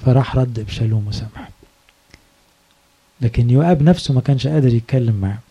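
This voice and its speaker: Man, priest, Egyptian accent, sermon, rhetorical questions, very dark voice, rapid delivery. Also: mid-range voice, creaky, breathy edge. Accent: Egyptian Arabic. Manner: conversational storytelling, rhetorical questions.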